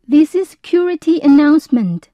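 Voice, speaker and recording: Woman as high-voiced airport announcer, dull recording. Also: very animated, normal speed, no echo. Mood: formal. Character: formal female airport announcer.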